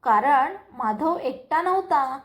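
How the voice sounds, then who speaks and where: A calm, secretive man from a narrated storybook gives clipped, measured answers, read by a woman. The voice sits high and unhurried, drawn out slowly.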